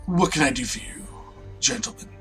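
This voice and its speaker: A man's voice: medium pitch, expressive, fairly quick, soft background music, natural voice. A man voicing a portly, self-important male gnome arena boss in a tabletop game, talking in a grandiose manner. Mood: pompous, imperious. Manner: pompous, grandiose.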